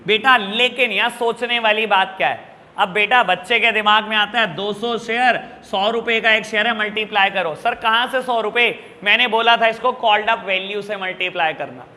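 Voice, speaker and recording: A man's voice: high-pitched, fairly even intonation, moderate pace, pushed and bright, big-room sound. A male accounts teacher lecturing a classroom of students, fatherly and scolding, firing rhetorical questions at them.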